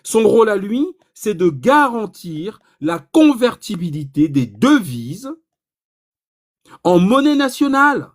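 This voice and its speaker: A man giving an informal economics lesson, animated and provocative, asking himself rhetorical questions. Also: high-pitched, slow pace. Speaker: economics explainer.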